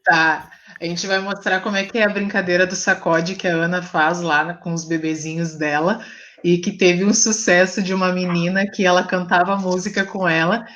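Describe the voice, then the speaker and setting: A woman's voice: on the low side, fairly even intonation, moderate pace, a bit bright, lo-fi sound. A woman hosts a casual live chat and prompts her guest. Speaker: live stream host.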